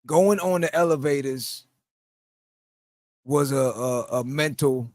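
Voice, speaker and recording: Speaking slowly in a darkish, medium-pitched voice, this middle-aged New Yorker hosts a podcast and casually spins stories, laughing and voicing the people he quotes. The sound is studio quality with no echo.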